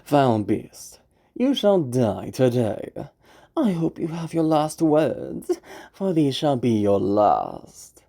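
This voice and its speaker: A man's voice: medium pitch, huge pitch swings, takes it slowly, creaky, dark tone, heavily acted. A man voicing a boastful count who blusters at a beast and then stammers in panic. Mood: blustering. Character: boastful adult male count losing his nerve.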